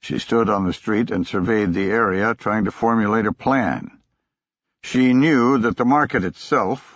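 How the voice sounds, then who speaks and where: A man narrating a thriller audiobook in a steady, even storytelling manner. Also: fairly low pitch, no room sound, muffled recording.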